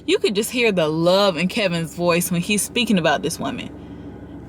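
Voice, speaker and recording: Animated woman vlogger chatting to viewers. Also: mid-range voice, slight background noise. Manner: animated, talks straight to viewers with slang and asides. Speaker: commentary vlogger. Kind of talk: casual reaction commentary.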